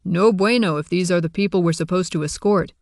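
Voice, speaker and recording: A man's voice: sits high, a little fast, a little mellow, no room sound, studio quality. A man reading a first-person audiobook with wry, casual humor. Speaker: audiobook narrator.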